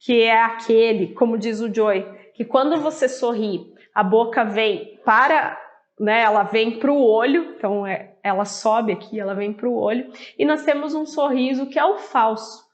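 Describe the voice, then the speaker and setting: A woman's voice: on the high side, moderate pace, dull audio. A woman with a Brazilian Portuguese accent explaining a book in a casual, conversational way, talking straight to the viewer. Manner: conversational, addresses viewer directly with fillers. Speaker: book presenter.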